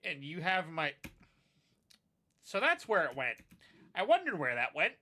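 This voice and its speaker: Measured in pace, this man's voice sits on the high side, bright and pushed, with wildly swooping pitch. He's a gaming video host doing laid-back let's-play commentary, nasal from allergies, drifting from point to point with some light cursing.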